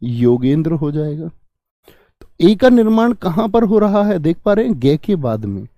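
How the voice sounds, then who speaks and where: A man's voice: a little high, very animated, moderate pace, warm tone, dry recording. A young man teaching a grammar lesson online, explaining step by step and asking and answering his own questions. He calls his viewers friend and brother. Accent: Hindi.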